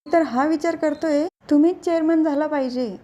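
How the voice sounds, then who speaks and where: Smug scheming son-in-law read by a woman, sly, high soft voice. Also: moderate pace, close to an everyday voice. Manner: smooth, sly.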